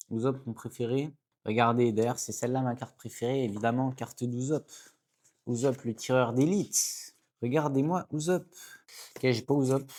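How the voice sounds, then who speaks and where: A card-opening YouTuber provides casual, excitable commentary as he opens packs for his viewers. Chatty throughout, he keeps calling his audience "les gars" ("guys") and often bursts into high, excited exclamations and jokey asides.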